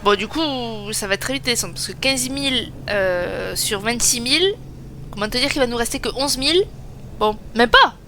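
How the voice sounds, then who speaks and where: A woman's voice: fairly high pitch, expressive, normal speed, pushed and bright, a little hiss or hum. A woman giving chatty, self-mocking let's play commentary, thinking aloud as she plays. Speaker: gaming streamer. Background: game music.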